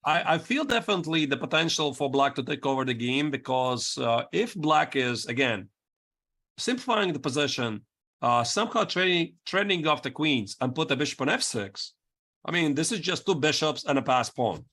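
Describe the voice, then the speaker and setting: A man's voice: on the high side, animated, moderate pace, fairly bright tone. A man co-commentating on chess, thinking aloud in conversational analysis as he explains moves step by step.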